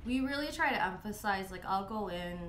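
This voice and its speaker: A woman's voice: medium pitch, animated, brisk, a bit bright. Chatty young woman in echoey room. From Southeast Michigan, USA. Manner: chatty, frequent "like" and "you know", laughs often. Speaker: guest, anti-racism educator. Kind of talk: casual conversational interview. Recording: echoey room with faint noise.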